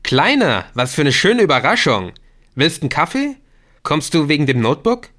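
A man's voice: medium pitch, unhurried, fairly bright tone, natural voice. A man reading an audiobook, voicing an affectionate, teasing young man.

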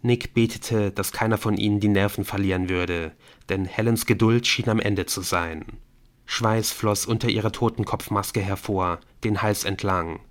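A man narrating a thriller audiobook in a steady, measured way. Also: on the low side. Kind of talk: scripted narration.

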